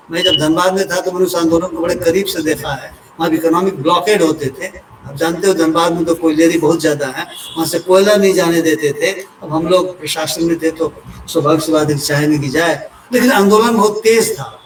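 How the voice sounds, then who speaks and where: An older man from Uttar Pradesh, a retired civil servant, explaining a topic in an unhurried lecture with homely examples and personal asides. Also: on the high side, slight background noise. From Uttar Pradesh, India. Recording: roomy echo from a distant mic.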